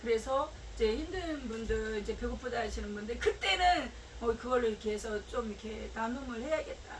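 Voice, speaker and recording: A woman pastor telling a personal story in a sermon, her voice swelling into shouts and near tears. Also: on the high side, expressive, brisk, far from the mic, noisy background. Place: small church sanctuary.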